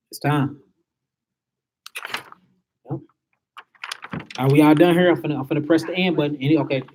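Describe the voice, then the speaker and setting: A man's voice: fairly high pitch, mellow, slight background noise. A man giving an emphatic spiritual lecture to a small group, asking his listeners rhetorical questions.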